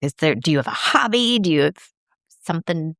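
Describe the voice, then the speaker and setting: A woman's voice: deep voice, animated, brisk, gravelly. A woman hosting a podcast, asking friendly questions and then reading a scripted sign-off in an encouraging way. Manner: warm, encouraging, laughs often. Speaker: podcast host. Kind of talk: casual interview, then scripted outro.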